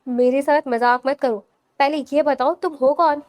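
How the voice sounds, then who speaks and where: A woman's voice: high-pitched, fairly even intonation, darkish tone, lightly acted. A woman voicing a fiery young bride in an audio novel, firing indignant retorts at her new husband.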